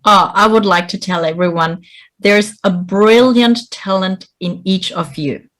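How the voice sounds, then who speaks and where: A woman's voice: medium pitch, a little slow, a bit bright. A middle-aged woman from Bolivia, an executive coach giving earnest, encouraging interview answers.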